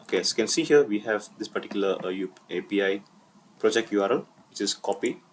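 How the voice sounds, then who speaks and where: Man, coding tutorial, low voice, stop-start with many uhs, faint typing behind. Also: slight background noise. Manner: halting, many fillers and self-corrections. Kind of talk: screen-recorded coding walkthrough.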